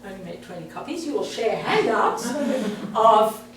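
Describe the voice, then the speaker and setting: With a medium-pitched, sing-song voice at a measured pace, a guest speaker in her sixties with a South African accent gives a chatty presentation to an audience. It's recorded in an echoey meeting hall with the mic far off and slight background noise.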